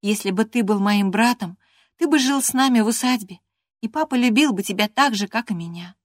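A woman's voice: medium pitch, a little fast, no echo, clean studio sound, voice pushed up, natural voice. A woman reading an audiobook voices a spirited, stubborn teenage girl with a vehement, indignant manner. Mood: firm.

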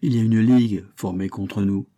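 A man's voice: lowish voice, steady tone, normal speed, warm tone, close to an everyday voice. Man doing a frantic young painter. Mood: alarmed. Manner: agitated, emphatic. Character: excited young male painter Claude, indignant.

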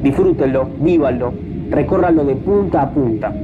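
A man reading a scripted in-flight cabin announcement as airline crew, formal, measured and persuasive. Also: mid-range voice, lively intonation, noisy background. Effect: in-flight cabin announcement over the plane's speaker. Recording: dull lo-fi recording with music behind.

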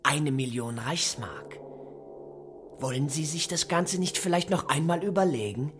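A male actor with a slightly high, lively voice plays a smooth, menacing Nazi interrogator in a German radio drama. He sounds mock-polite and condescending, using deliberate pauses and dropping into whispers. Music plays in the background.

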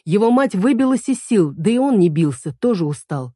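A woman reads a fairy-tale story aloud in a measured, even manner. Her voice is mellow and dark, and the recording is dry and close. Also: mid-range voice, husky, no room sound. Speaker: audiobook reader. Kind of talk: scripted narration of a fantasy tale.

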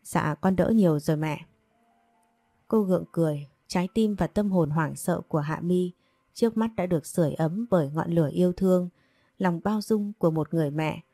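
A woman narrates a scripted audio story in a calm, even reading voice. Her voice is low and mellow, and the recording is dry and close. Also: brisk, no echo.

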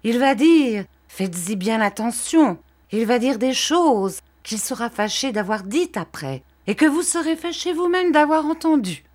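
A woman's voice: mid-range voice, lively intonation, unhurried. A woman voicing a sly, falsely humble male clerk who fawns and threatens by turns in a storybook reading. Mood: wheedling.

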